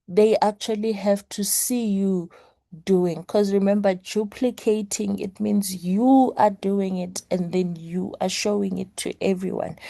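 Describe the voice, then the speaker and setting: A woman leads a motivational class in a slow, earnest way and drives her points home by repeating them. Her voice is hoarse, low-toned and gravelly, with a warm, mellow colour. The recording is dry and close, with no room sound. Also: no echo. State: hoarse morning voice. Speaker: network marketing leader teaching a class. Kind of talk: motivational teaching talk.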